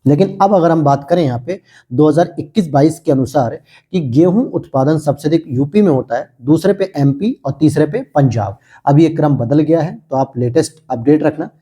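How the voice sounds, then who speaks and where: A man's voice: a little high, mellow, breathy edge. A man teaching an exam prep lesson, asking questions aloud and answering them himself. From India.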